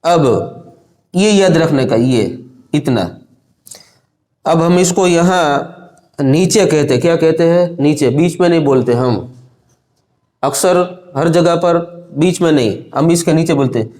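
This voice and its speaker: Man teaching kids letters, unhurried delivery, repeats questions, prompts loud answers. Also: on the high side. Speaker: Quran reading teacher. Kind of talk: slow children's lesson on Arabic letters.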